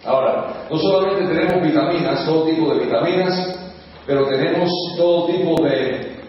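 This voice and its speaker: A man's voice: a little high, normal speed, a little hiss or hum. Emphatic older man in an echoey hall. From United States. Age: 60s. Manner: emphatic, coaxing, keeps saying "look". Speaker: business opportunity speaker. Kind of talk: sales seminar talk. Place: large hall. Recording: echoey hall, dull sound, from far off.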